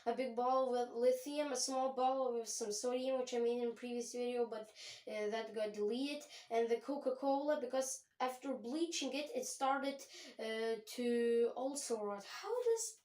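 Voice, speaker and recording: Speaking at a moderate pace in a slightly high, darkish voice, this home chemistry channel host rambles chattily through a tour of her home lab. She often corrects herself, and the recording has an echoey room sound.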